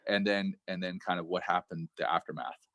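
Very deep-voiced male interviewer. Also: level tone, brisk, fairly bright tone, no echo. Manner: rambling questions, laughs at his own slips. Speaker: podcast host. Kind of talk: casual interview. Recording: dry, close sound.

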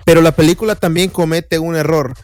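A man's voice: a little high, fairly even intonation, brisk, a little mellow. A man co-hosting a podcast, casually discussing a film and laying out his arguments at length. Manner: explanatory, argues his points at length. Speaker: podcast co-host.

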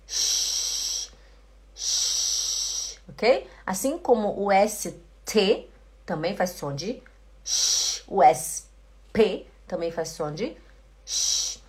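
A woman from Belém, Brazil, with a Belém Portuguese accent, teaching German in a live-streamed lesson, slowly drilling words for her learners and greeting viewers by name. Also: medium pitch. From Belém do Pará, Brazil.

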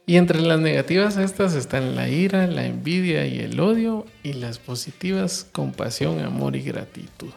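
Male co-host of a faith talk show, rough gravelly voice, talks in lists over soft music. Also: on the high side, expressive, normal speed, few pauses. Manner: explains with lists and asks "¿verdad?".

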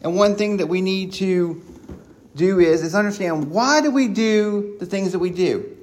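A man preaching a sermon, excited and quick, with frequent restarts and repeated words. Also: high-pitched, slight background noise. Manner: excited, talking fast with many restarts.

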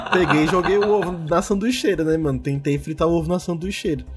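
A man's voice: a little high, brisk, slightly rough, soft background music. A young man with a Brazilian Portuguese accent, telling personal stories in a slangy, jokey, rambling chat among friends. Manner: slangy, jokey, rambling with frequent tag questions.

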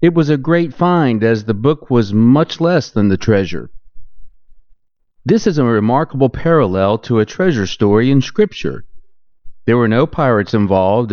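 A man's voice: mid-range voice, a little mellow, no echo. A man speaking as a chaplain, giving a short devotional talk with light joking asides and a closing prayer. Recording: slightly dull lo-fi, dry.

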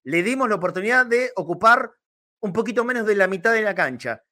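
A man with an Argentine accent and a fairly high voice talks football as a show pundit. He reminisces in an animated way and leans hard on repeated words for emphasis. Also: brisk. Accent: Argentine Spanish.

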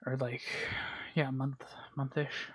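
A man's voice: medium pitch, little pitch movement, takes it slowly, fairly bright tone. A man hosting a podcast alone, recapping a bad movie in a rambling, crude, joking way with lots of fillers. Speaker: podcast host. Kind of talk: casual solo movie recap.

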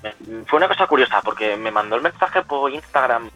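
Fast-talking bright man. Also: medium pitch, expressive, faint music behind, rough recording. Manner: chatty, many restarts and self-corrections. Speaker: guest cosplayer. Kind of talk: casual storytelling.

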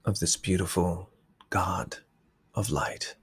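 A man leading a guided meditation, giving slow, soft instructions that often drop to a whisper. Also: low-pitched, slightly rough.

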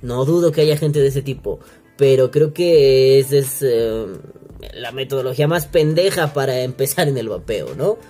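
A man's voice: medium pitch, moderate pace, warm tone, soft background music. A man with a Mexican accent hosting a vaping podcast, talking in a crude, slangy, mocking rant and acting out the voices he quotes. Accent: Mexican Spanish. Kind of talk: profane casual rant. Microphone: single home recording setup.

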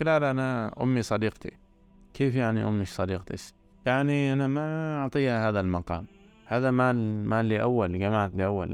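A man's voice: mid-range voice, clean tone. A man giving an earnest religious talk, stressing points by repeating words. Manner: earnest, repetitive emphasis.

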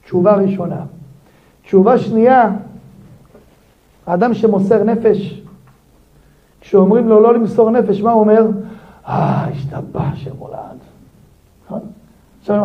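A man, a rabbi, giving a daily Torah lesson in a lively way, firing rhetorical questions at his listeners. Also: sits high, vocal fry. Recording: dull lo-fi recording.

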